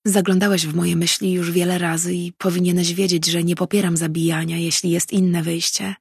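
A woman voicing a defiant young mind-reading heroine who argues and pleads, in a husky voice. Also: lowish voice, level tone, a little fast, no room sound, studio quality, full character voice. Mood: arguing. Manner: pleading, arguing.

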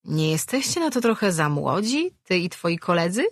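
A woman's voice: on the low side, big pitch swings, moderate pace, no room sound, studio quality. A woman reading an audiobook, voicing a young princess who is eager and easily flustered. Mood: curious.

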